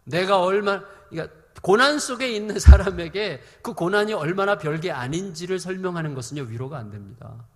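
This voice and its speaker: A man preaching a sermon as pastor, animated and humorous, acting out the voices he quotes. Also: sits high, a little fast, few pauses, long reverb tail.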